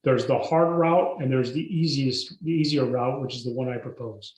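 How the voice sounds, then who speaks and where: A man speaks as an interview guest. He tells his story in a measured, emphatic way and leans on key words. His voice sits in a mid range and carries a roomy echo. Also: mid-range voice, a little mellow. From Mexico. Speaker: guest entrepreneur. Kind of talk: podcast interview.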